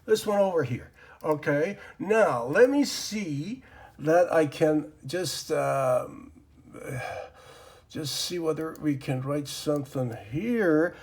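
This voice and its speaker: Slow-paced and fairly high in pitch, this man's voice carries an informal English grammar lesson from his desk. A native Persian speaker, he rambles, uses plenty of fillers, and talks to himself under his breath as he draws.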